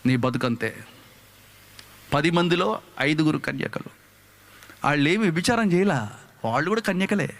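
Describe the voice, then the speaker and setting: Male pastor, high bright voice, fervent sermon. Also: animated, normal speed, long pauses. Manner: fervent, repetitive rhetorical questions. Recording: reverberant hall.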